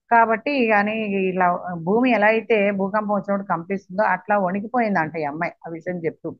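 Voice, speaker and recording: A woman's voice: medium pitch, dry recording. Woman retelling a story, dull dry sound. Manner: reads a passage, then re-explains it in plain conversational words. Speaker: study session leader. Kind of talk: reading a book aloud and retelling it.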